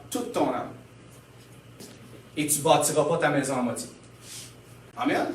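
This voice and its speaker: A man's voice: on the high side, roomy sound, recorded from a distance, a little hiss or hum. A man with a Québécois French accent preaching a sermon as pastor, emphatic, often calling out "Amen?" and laughing. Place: church hall.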